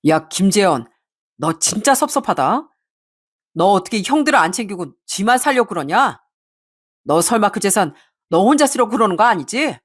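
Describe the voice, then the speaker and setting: A woman voicing a sulky, greedy older brother-in-law who complains slowly. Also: medium pitch, sing-song, husky.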